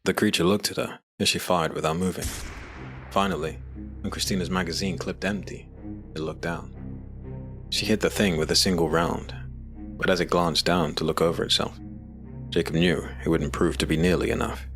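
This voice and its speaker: Deep-voiced male audiobook narrator. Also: steady tone, moderate pace, over music. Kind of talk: scripted narration.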